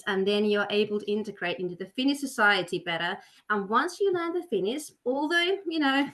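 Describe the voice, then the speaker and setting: Presenting an education webinar over a video call, a woman working as a study counselor sounds upbeat and persuasive, leaning on fillers often. Her voice is medium-pitched with a fairly bright tone.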